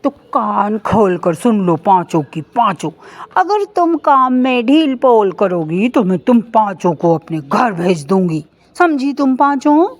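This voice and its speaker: A woman voicing a harsh, taunting mother-in-law who shouts at her daughters-in-law in an animated story. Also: medium pitch, measured pace. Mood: scolding.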